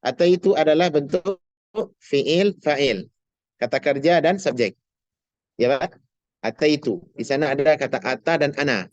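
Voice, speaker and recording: A man teaching an Arabic grammar class online, patiently quizzing his students and drawing out example words slowly. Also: fairly high pitch, no room sound, muffled recording. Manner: patient, asks students questions, slow drawn-out example words.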